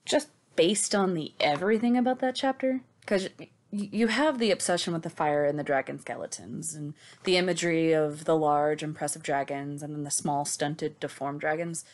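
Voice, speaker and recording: A low-pitched, steady and slightly mellow voice belongs to a woman co-hosting a book podcast at normal speed. She gives casual, sweary recaps and discussion that sound scripted, with sarcastic, emphatic delivery.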